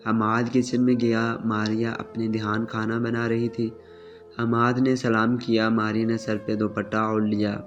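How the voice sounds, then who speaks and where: A man narrating a romantic family drama in a steady, scripted storytelling voice. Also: lowish voice. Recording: slightly dull with soft music.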